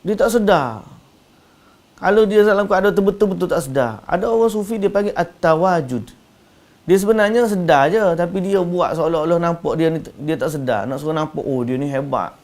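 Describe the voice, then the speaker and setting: A man's voice: fairly high pitch, brisk, darkish tone. A man with a Malaysian Malay accent giving a religious lecture as a teacher, explaining with rhetorical questions to his listeners.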